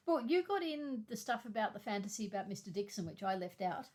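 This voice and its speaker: A woman co-hosting a literary discussion podcast, summarizing chapters in a brisk, matter-of-fact way. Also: medium pitch, sing-song, a little mellow. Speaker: podcast co-host.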